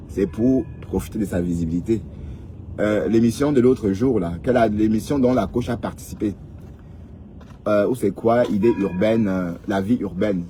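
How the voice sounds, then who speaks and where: In a casual vlog monologue, a man in his fifties lectures his listeners with advice, going back over the same points and nudging them with frequent "hein?" His voice is fairly low and dark in tone, with a little hiss or hum in the recording.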